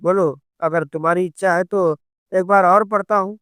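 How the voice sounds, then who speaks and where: A man's voice: high-pitched, fairly even intonation, moderate pace, fairly bright tone, smooth, no echo. A man voicing a coaxing, teasing husband in a storybook tale, pleading with his wife.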